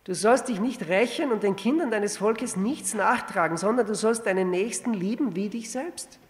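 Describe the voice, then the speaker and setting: A man preaching a sermon, teaching with rhetorical questions and reading scripture slowly and deliberately. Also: high voice. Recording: long reverb of a hall.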